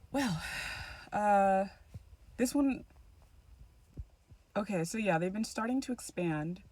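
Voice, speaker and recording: A woman's voice: mid-range voice, dark tone. Rambling woman telling a story. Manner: rambling, full of fillers and restarts. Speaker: tarot channel host. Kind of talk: casual storytelling to camera.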